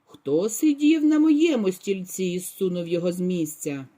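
A woman's voice: lowish voice, sing-song, moderate pace. A woman voicing a mother bear who growls, less fiercely than the father bear, while she reads a storybook to children. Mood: growling. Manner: loud growling.

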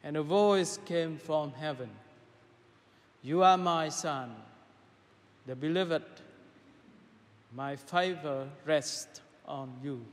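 A priest with a high-pitched voice reads the Gospel slowly and deliberately. His words hang in a long cathedral echo, as if spoken in a large church. When he preaches, he pauses and hesitates often. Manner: measured, pausing delivery with frequent hesitations. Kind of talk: gospel reading and homily at Mass. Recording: long reverberant church hall.

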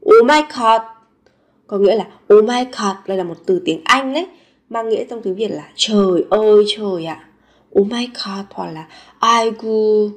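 Woman teacher with a Vietnamese accent, mid-pitched, repeating phrases slowly and expressively for learners. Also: a little mellow. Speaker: Korean language teacher. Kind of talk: language lesson.

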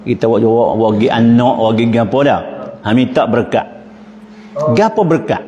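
A man with a Pattani Malay accent teaches religion in a mosque, lively and full of rhetorical questions and chuckles. His voice sits at an ordinary middle pitch and carries a long hall reverb. A faint hum of noise sits underneath. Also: normal speed, dull audio. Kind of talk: religious lecture in local dialect.

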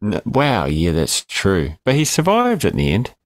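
A man's voice: on the low side, wildly swooping pitch, measured pace, dry recording, studio quality. A man co-hosting a film review podcast, joking and rambling in casual banter, with fillers and swearing.

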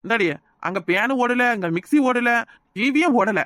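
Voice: mid-range voice, expressive, normal speed, fairly bright tone, no echo, clean studio sound, natural voice. A performer voicing a fault-finding village husband in a cartoon, grumbling in a Tirunelveli Tamil accent. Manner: grumbling complaints.

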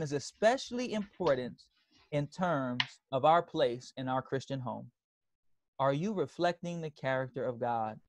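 A man's voice: a little high, darkish tone. A man preaching a sermon as pastor, emphatic, repeating phrases and calling for responses from the congregation.

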